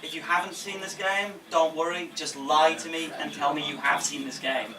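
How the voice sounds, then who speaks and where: A man's voice: on the high side, fairly even intonation, normal speed, recorded from a distance. A man giving an informal, jokey, conversational talk as a game publisher, often checking in with his audience. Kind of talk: informal conference presentation. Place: indoor event room with audience. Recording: echoey room from afar, faint noise.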